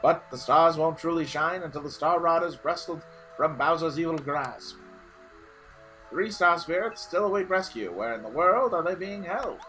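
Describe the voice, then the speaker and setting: A woman co-hosting a playful game playthrough, her voice rising and falling in a lively way as she reads narration and chats. Laughter is never far from her lines. Faint music plays underneath. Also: sits low, normal speed. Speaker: let's play co-host. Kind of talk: casual chat and reading game text aloud.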